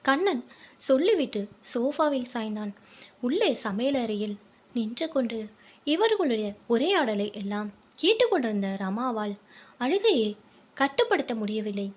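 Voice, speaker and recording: A woman's voice: a little high, sing-song, measured pace, darkish tone. A woman with a Tamil accent reading a family short story aloud, telling the narration and the characters' lines in the same voice. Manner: reads dialogue and narration in one voice.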